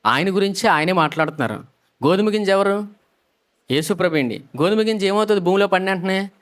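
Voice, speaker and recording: Pastor guy preaching, high voice, keeps asking the crowd questions and repeating stuff. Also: brisk, a bit bright. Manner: call-and-response questions to the congregation, repeating key phrases. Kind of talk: sermon.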